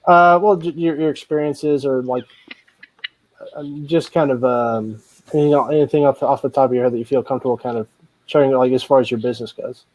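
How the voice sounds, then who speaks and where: A man hosting a casual interview on a video call, asking questions in a halting, loose way. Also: medium pitch, a little mellow. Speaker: host. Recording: dull lo-fi video-call audio.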